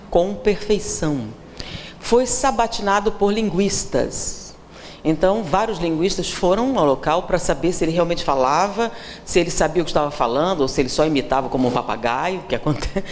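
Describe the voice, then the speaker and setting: A Brazilian woman with a Brazilian Portuguese accent, giving a seminar lecture, teasing the audience with questions and acting out the people she quotes. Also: fairly low pitch. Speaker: seminar speaker. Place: lecture hall. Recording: reverberant hall, faint room noise.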